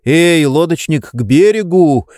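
A nervous, flustered gentleman who keeps pressing for answers, as a narrator voices him. The voice sits somewhat raised, dark and mellow, with a lively pitch and a dry, close sound. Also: slow, no room sound. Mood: anxious. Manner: nervous, impatient. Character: anxious, flustered young gentleman. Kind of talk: audiobook reading.

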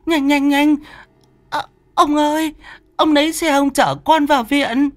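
A shrill wailing village mother. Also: fairly even intonation, measured pace. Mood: frantic panic. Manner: shrill, panicked, sobbing cries. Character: frantic wailing village mother, middle-aged.

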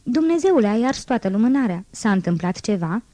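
Woman reader doing a blunt old spinster neighbor, over 60, matter-of-fact, mellow, dry sound. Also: mid-range voice, lively intonation, dry recording, natural voice. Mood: alarmed. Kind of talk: audiobook character reading.

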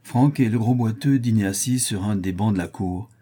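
Dark husky male audiobook narrator. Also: on the low side, normal speed. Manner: animated voicing of dialogue. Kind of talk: scripted narration.

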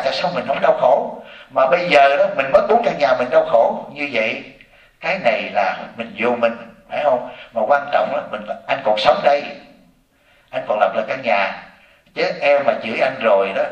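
A man, a Buddhist monk, giving a sermon with lively storytelling and acted-out quotes. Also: mid-range voice, lo-fi sound. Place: temple hall. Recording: roomy echo from far off.

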